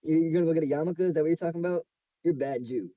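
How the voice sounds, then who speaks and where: A man's voice: fairly high pitch, very fast, dark tone, muffled recording. A man joking and teasing his friends in a rambling way on a casual voice call. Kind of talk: casual chat over a voice call. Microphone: voice call microphone.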